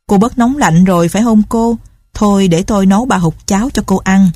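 A woman's voice: mid-range voice, brisk, a little mellow, dry recording, studio quality, lightly acted. A woman voicing a talkative older housemate who fusses and scolds. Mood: chatty.

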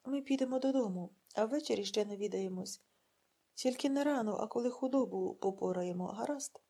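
A woman voicing a caring young village woman, kindly and brisk with concern for her friend. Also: a little high, dark tone, breathy edge.

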